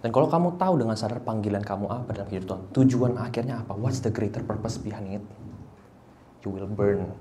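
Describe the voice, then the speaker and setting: Young male preacher, lively and theatrical, switching to English lines, faint noise behind. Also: lowish voice, quick pace, few pauses. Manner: animated, mixes English phrases, acts out voices, often rises to near shouting. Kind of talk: lively sermon. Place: church hall.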